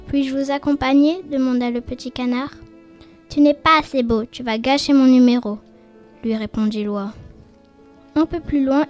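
A woman reading a children's storybook aloud, clear and expressive. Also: high voice.

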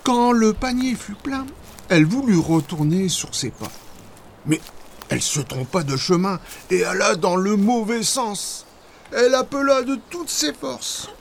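A man narrating a children's story in an expressive, dramatic way. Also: high voice, measured pace, gravelly, a little hiss or hum.

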